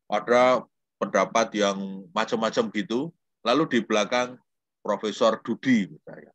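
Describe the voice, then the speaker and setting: A man's voice: lowish voice, measured pace, dry recording. An older man giving a religious talk, telling stories and acting out dialogues. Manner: animated storytelling, acting out dialogues. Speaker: Islamic preacher and lecturer.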